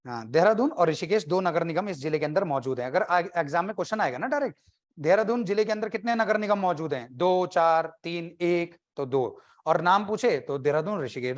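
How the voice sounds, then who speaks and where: A man teaching an exam-prep class, talking conversationally, quizzing his students and cracking jokes. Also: fairly high pitch.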